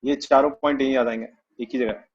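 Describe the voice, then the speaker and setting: A man's voice: mid-range voice, fairly even intonation, a little fast. Male math tutor, patient step-by-step delivery, lo-fi online-class sound. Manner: explains step by step, adds "है ना?" to check understanding. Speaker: math teacher. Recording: dull lo-fi online class audio.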